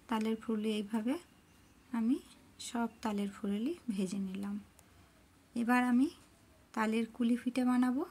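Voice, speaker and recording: A middle-aged woman narrating her cooking and home worship step by step in a soft, homely way. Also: a little high. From rural Bengal. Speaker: cooking and devotional vlogger.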